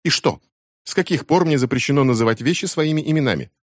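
A man's voice: darkish tone, dry recording, studio quality, lightly acted. A man putting on a furious teenage girl. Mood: accusing. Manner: shrill, fast accusing outbursts. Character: angry, grieving teenage girl.

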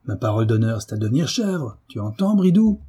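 This is an audiobook character reading where a man gives voice to a furious middle-aged landowner, brutish and quick to anger, who blusters, curses and shouts. The delivery is animated and moderately paced, in a husky mid-range voice.

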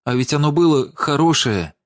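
Reading an audiobook, a man voices a cowardly young man who pleads and stammers in a bleating tone. His delivery is lively and moderately paced, pitched high and above his own natural voice yet close to everyday speech. The recording is dry and clean, with studio quality.

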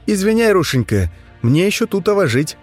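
A man voicing a small, timid male devil who squeaks and pleads meekly. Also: sing-song, normal speed, faint music behind.

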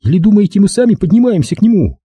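A man reading aloud puts on a captive woman in chains, bitter and fierce, who snaps every retort at her rescuer. Her voice sits well above a man's usual register, with a dark, husky grain, and is heard close and dry as in an audiobook. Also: sits high, sing-song, very fast, no echo, voice pushed up, heavily acted. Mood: furious. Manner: bitter, snapping.

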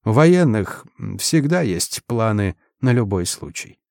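A man voicing a gloomy, guarded intelligence admiral who answers slowly and firmly. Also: fairly low pitch, big pitch swings, creaky, darkish tone, no room sound, clean studio sound, exaggerated voice. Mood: grim. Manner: slow, grim, firm.

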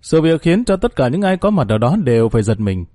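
A man's voice: medium pitch, very animated, a little fast, warm tone, dry recording, studio quality. A man narrating a ghost story in a scripted reading, giving the characters small acted shifts.

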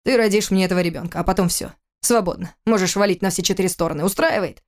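A woman's voice: fairly low pitch, quick pace, close to an everyday voice. A woman voicing a cold, furious adult husband in an audiobook, speaking in a harsh, clipped, contemptuous way. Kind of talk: audiobook character reading.

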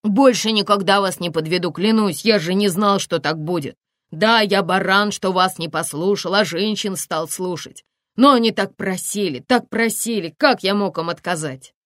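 A woman's voice: medium pitch, normal speed, a bit bright, no room sound, clean studio sound, close to an everyday voice. A woman voicing a young man in an audiobook, an apologetic nephew speaking earnestly. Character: young male nephew, guilty and eager to please.

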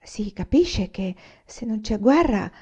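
A woman reading the lines of a pale, tense young woman in a storybook, speaking quietly and hesitantly. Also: fairly high pitch, moderate pace, pitched above the performer's own voice. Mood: hushed.

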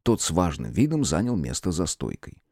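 A man reading an audiobook, narrating with expressive delivery. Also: sits low, moderate pace, breathy edge, no room sound, clean studio sound. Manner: expressive storyteller. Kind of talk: scripted narration.

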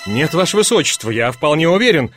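A man's voice: a little high, very animated, fairly bright tone, faint music behind. A man reading an audiobook and voicing a polite, composed fencing master who answers with deference. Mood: measured. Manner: deferential, measured.

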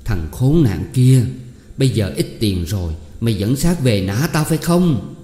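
Male narrator doing a bitter older mother scolding her son; dark voice, roomy echo. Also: medium pitch, lively intonation, moderate pace, close to an everyday voice. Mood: furious. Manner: harsh, scolding. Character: stern, bitter older mother, quick-tempered. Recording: echoey room with long reverb.

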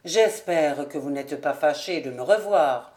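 A grave, terse young lord, as a woman reader puts him on, speaking low and curt. The delivery is slow and measured, like a storybook reading. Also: expressive, darkish tone.

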